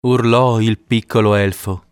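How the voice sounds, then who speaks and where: A man narrating an audiobook in an expressive storytelling manner. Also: on the low side, a little slow, smooth, no room sound, clean studio sound.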